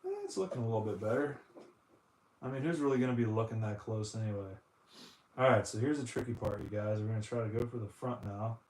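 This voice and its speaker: A man's voice: lowish voice, fast talker, darkish tone, reverberant, a little hiss or hum. A man from the United States in a casual live-stream chat, rambling and joking, often saying "dude" while he cleans consoles. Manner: rambling, jokey, says "dude" a lot.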